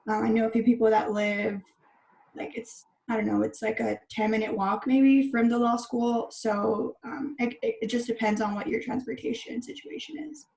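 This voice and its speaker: A woman's voice: fairly high pitch, little pitch movement, normal speed, gravelly, darkish tone. A young woman in her twenties from Texas, a law student answering casually with lots of fillers. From Texas, USA. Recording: roomy echo.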